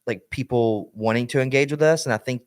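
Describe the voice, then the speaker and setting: A man's voice: mid-range voice, a little fast. A young man co-hosting a podcast in casual chat, rambling with lots of fillers and restarts. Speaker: podcast co-host.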